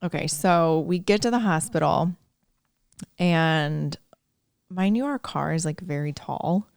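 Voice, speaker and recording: A woman in her thirties with a low, gravelly voice tells a story on her podcast in a loose, chatty way. She laughs often and slips into quoted voices. The sound is close and dry. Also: slow, a little mellow, no room sound. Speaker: podcast host. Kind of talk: casual storytelling chat.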